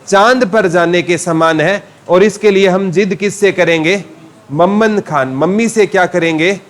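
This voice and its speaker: A man's voice: sits high, measured pace. A man teaching a general knowledge class with a Haryanvi accent, asking questions and answering them himself. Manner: asks questions and answers them himself, calling listeners "beta". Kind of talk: classroom lecture with memory tricks.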